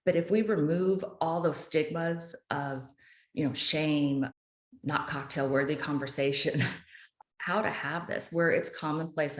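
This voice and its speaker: This is a reverberant recording of a woman in her fifties from the United States, a guest author on a podcast. She has a deep voice and talks earnestly, with passion and conviction, in an interview.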